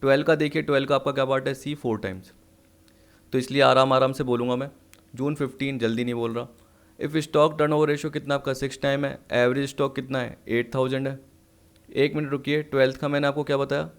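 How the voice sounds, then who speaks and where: A man's voice: mid-range voice, flat delivery, a little fast, clear, resonant tone. A man teaching accounts, working through exam questions by asking and answering his own questions, at times short of breath. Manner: asks and answers his own questions, mixing English terms. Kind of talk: solving exam questions on a lesson video.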